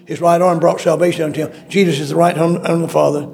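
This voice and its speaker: A man's voice: a little high, level tone, quick pace, vocal fry, darkish tone. A man preaching a sermon, reading scripture aloud and breaking in with plain, folksy asides to explain it. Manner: reads verses then comments in plain folksy asides.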